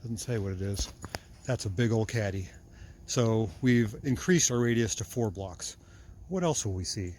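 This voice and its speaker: A man's voice: on the low side, lively intonation, moderate pace, a little mellow, slight background noise. A man who works as a mechanic, chatting casually and a little out of breath while running outdoors through neighborhood streets with his dog. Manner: chatty, enthusiastic, talking while jogging. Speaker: vlogger, mechanic. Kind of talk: casual walking vlog.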